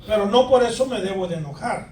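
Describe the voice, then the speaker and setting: A man preaching a sermon as pastor, animated and emphatic, with asides to the congregation. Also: high-pitched, fast. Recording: echoey room, far from the mic, music behind.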